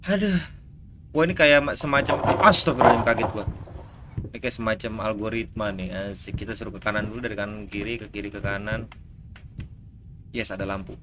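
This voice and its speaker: A man's voice: on the low side, fast, long pauses. Indonesian man, gaming commentary, jumpy, swears when scared, noisy background. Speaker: gaming streamer. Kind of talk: casual gameplay commentary.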